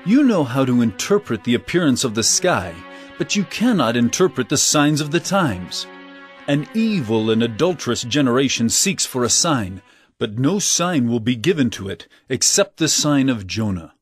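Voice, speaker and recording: Man playing Jesus, grave commanding teacher, mid-pitched voice with a very expressive lilt, over guitar underscore. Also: moderate pace, close to an everyday voice. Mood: stern. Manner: solemn, earnest declaiming. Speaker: actor. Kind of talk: audio drama acting. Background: guitar music.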